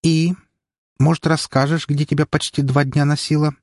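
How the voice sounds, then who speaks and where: A man voicing a stern, caring young older sister in an audiobook, reproachful and lecturing, with a husky voice. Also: on the high side, flat delivery, moderate pace, darkish tone, no echo, clean studio sound, pitched above the performer's own voice, natural voice.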